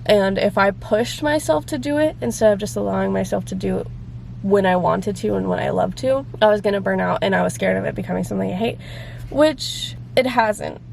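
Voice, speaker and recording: A woman's voice: medium pitch, a little fast, gravelly, slight background noise, rough recording. Congested young woman vlogging casually. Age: 20s. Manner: chatty, rambling, lots of "like". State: congested, phlegmy from a cold. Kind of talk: casual chat to camera. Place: car and around town.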